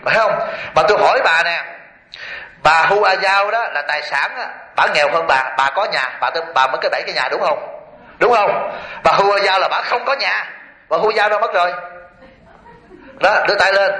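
A man's voice: sits high, normal speed, bright, forceful tone. A Buddhist monk gives a sermon to a lay audience. He keeps quizzing his listeners with rhetorical questions and often chuckles as he tells stories. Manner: chuckles often while storytelling. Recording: echoey hall.

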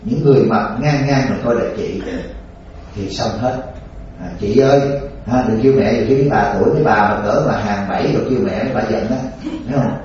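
A man's voice: on the low side, fairly quick, a little mellow. A man, a Buddhist monk giving an informal dharma talk in a folksy, joking way, often laughing and checking in with his listeners. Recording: distant, echoey, dull lo-fi with faint hiss.

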